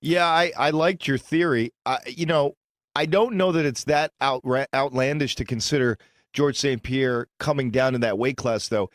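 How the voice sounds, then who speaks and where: A man co-hosting sports radio talk, agreeable and relaxed, often dropping low at the ends of phrases. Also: normal speed, no echo.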